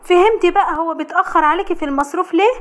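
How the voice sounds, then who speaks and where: A woman voicing a scheming young Egyptian wife who gossips in a wheedling, high-pitched voice. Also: very fast. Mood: sly.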